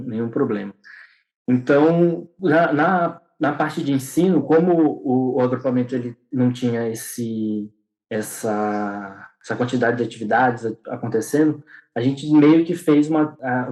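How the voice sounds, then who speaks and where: A young man speaks in a casual interview. His voice sits in the middle of the male range, and he pauses often, restarts his sentences and leans on small fillers as he tells his story. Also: mid-range voice, a little mellow, low-quality recording. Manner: hesitant, many restarts and fillers. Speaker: podcast guest.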